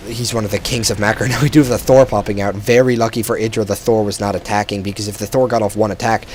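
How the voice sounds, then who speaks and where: A man with a fairly low voice calls a strategy game match on his own, chatty and relaxed, dropping fillers as he goes. He sounds a little short on sleep. A faint hiss sits under the home recording. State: tired. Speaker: game commentator. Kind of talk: solo video game commentary.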